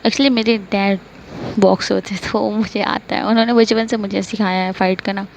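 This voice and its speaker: A woman's voice: mid-range voice, steady tone, moderate pace, gravelly, slight background noise, close to an everyday voice. A woman voicing a stern, protective young woman who scolds and orders her friend to rest, in a storybook reading. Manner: scolding, bossy.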